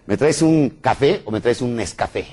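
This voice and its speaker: Wife reeling off a shopping list, quoted by a husky man in nearly his own voice. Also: medium pitch, lively intonation, normal speed, warm tone. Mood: instructing.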